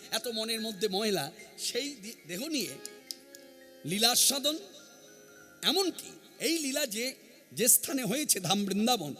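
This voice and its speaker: A man's voice: extremely high pitch, bright, forceful tone. A man preaching a devotional sermon to a gathering, earnest and emphatic, repeating his key phrases. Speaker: kirtan singer and preacher. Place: standing before an assembly.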